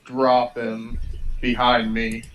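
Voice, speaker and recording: A man's voice: mid-range voice, monotone, drawn-out words, a bit bright, muffled recording. A man talking casually as a player in a tabletop role-playing game.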